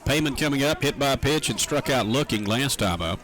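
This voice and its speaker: A man doing live play-by-play of a baseball game at an outdoor ballpark, calling plays briskly and lifting his voice on big hits. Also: mid-range voice, expressive, fairly bright tone. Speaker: play-by-play announcer. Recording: crowd noise from an outdoor ballgame.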